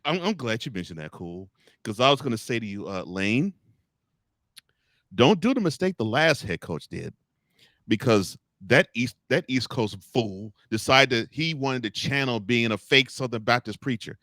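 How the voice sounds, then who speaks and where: Male sports podcast host, teasing and animated, dry close recording. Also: medium pitch, normal speed, no room sound. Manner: animated and teasing, many restarts, laughs often. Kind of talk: sports talk commentary.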